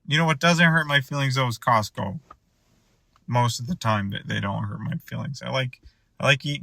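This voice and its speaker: Bright-voiced man rambling comedic monologue. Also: mid-range voice, vocal fry, no room sound. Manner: rambling, self-interrupting, exasperated. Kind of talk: rambling stand-up style monologue.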